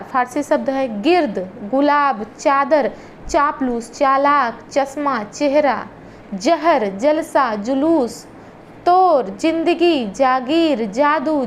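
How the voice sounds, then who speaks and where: A woman's voice: high-pitched, a little hiss or hum. A woman teaching an exam-prep lesson, reading long lists of words with short explanations in between. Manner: reads word lists slowly, with short explanations.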